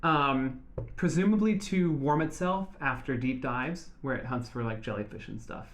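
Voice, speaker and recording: A man chatting on a podcast, explaining sea creatures with playful enthusiasm. His voice sits at an ordinary middle pitch, and he jokes as he goes. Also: moderate pace. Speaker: guest. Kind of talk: casual podcast chat.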